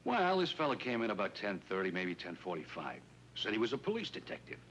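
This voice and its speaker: In a 1950s police drama heard through a noisy old film soundtrack, a man plays a wary, folksy shopkeeper who was swindled and robbed. He speaks briskly, hesitant and plain-spoken, in an earnest, rueful mood. His voice is lowish and fairly bright, with wildly swooping pitch.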